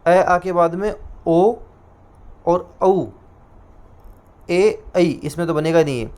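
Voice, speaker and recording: Man, Rajasthani Hindi accent, exam coaching teacher, fairly high voice, repeats and dictates each answer slowly. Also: darkish tone. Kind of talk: exam-prep lecture.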